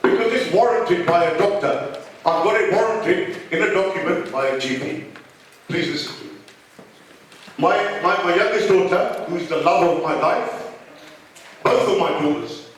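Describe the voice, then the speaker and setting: A man's voice: high-pitched, expressive, moderate pace, far from the mic, a little hiss or hum. Emotional man in an echoey hall. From London, England. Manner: emotional, pleading, rising to shouting. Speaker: local resident speaking at a public meeting. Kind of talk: impassioned public appeal. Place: large hall.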